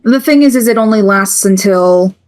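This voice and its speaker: A woman's voice: medium pitch, moderate pace, a little mellow. A woman playing a tabletop game, casually thinking aloud about her moves with fillers. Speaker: player.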